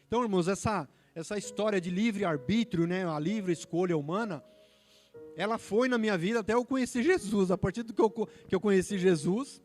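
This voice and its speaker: A man's voice: high voice, a little fast, darkish tone, soft background music. A man in his fifties with a Brazilian Portuguese accent, preaching a fervent sermon that builds to emphatic peaks.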